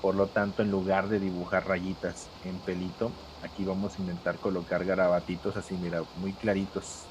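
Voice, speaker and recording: A man's voice: deep voice, little pitch movement, moderate pace, few pauses, background noise. A man teaching a live drawing class, patient and step by step, calling on students by name.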